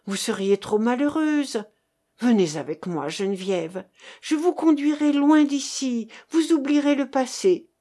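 A woman reading the lines of an earnest, scheming man who courts a grieving young woman, in a soft, pleading, urgent voice. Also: a little high. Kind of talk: audiobook reading.

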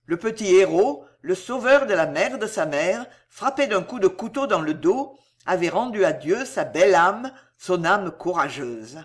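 A woman narrating a classic novel aloud as an audiobook reader, in a slow, expressive manner. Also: on the low side. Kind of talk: scripted narration of a children's classic.

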